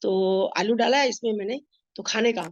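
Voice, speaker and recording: A woman's voice: on the high side, normal speed, a little hiss or hum. A middle-aged woman from India, a meditation master, sharing a personal testimony and acting out the dialogue in her story. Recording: dull lo-fi sound.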